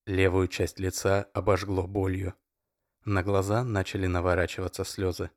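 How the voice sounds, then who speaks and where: A man narrating an audiobook in an even, measured storytelling manner. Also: sits low, no echo, clean studio sound. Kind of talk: scripted narration.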